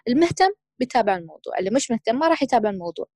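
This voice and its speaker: A woman's voice: fairly high pitch, big pitch swings, racing, a little mellow, dry recording, clean studio sound. A woman chatting casually as a co-host in a discussion. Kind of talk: casual chat.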